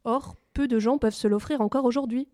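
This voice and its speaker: A woman expert gives precise, detailed explanations in a fairly high, warm voice. The sound is dry and close. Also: fairly even intonation, a little fast, no room sound. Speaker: expert guest. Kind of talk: mock-documentary exposition.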